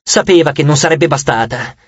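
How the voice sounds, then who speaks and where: A man's voice: fairly high pitch, moderate pace, slightly rough, no room sound, muffled recording. A man narrating an audiobook with dramatic, scripted storytelling.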